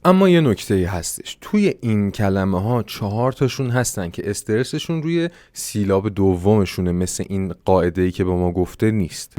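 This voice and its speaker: A Persian-speaking man teaches an online English class in a fairly deep voice. He walks through the exercises patiently and stretches out each English example so learners can follow. The sound is dry and close. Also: mellow, no room sound. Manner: explains answers step by step, slows down for English examples.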